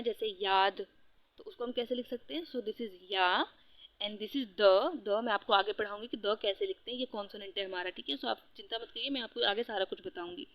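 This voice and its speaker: A woman's voice: a little high, a bit bright, no room sound. Patient young woman teaching language basics. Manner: patient, repeats sounds slowly, checks in with "okay". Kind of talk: beginner lesson, Hindi mixed with English.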